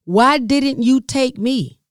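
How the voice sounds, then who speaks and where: A woman voicing her confused, wistful elderly mother, who asks soft, plaintive questions. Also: high-pitched, slow pace, dry recording, studio quality, pitched above the performer's own voice.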